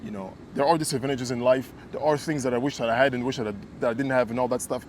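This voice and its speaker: Rapid-fire and steady in tone, this co-host from Kinshasa, Congo, has a mid-range, slightly mellow voice. Earnest and emphatic in the casual chat, he repeats words frequently while building his point. The recording has a bit of hiss or hum.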